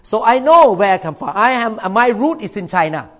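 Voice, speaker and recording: An older Thai pastor preaches a sermon in church, his high, sing-song voice carrying a fairly bright tone through lo-fi audio. He speaks emphatically, drawing out key words to stress them.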